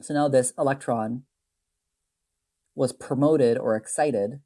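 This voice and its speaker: A man teaches chemistry in a recorded lecture, rambling loosely through his slides, often adding tag questions and correcting himself mid-sentence while playing down the math. His voice is medium-pitched, mellow, and slow.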